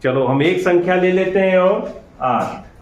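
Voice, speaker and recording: A man's voice: sits high, measured pace. A man teaching a classroom lesson, patiently explaining and often checking that the class understands. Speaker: school teacher. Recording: echoey, dull lo-fi classroom recording.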